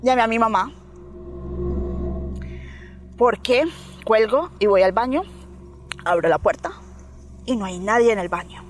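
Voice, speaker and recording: Soft music plays as a Colombian-accented woman with a fairly high voice speaks a little slowly, with long pauses. She's a guest in an interview, telling a personal story vividly, performing the quoted dialogue and frequently checking with "¿me entiendes?".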